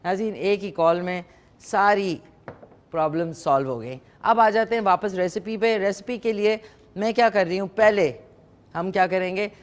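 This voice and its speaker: A woman hosting a live morning show, chatting and teasing callers while she cooks in a studio kitchen on a lapel mic. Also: fairly low pitch. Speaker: morning show host and cooking presenter. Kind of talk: live TV chat and cooking demonstration.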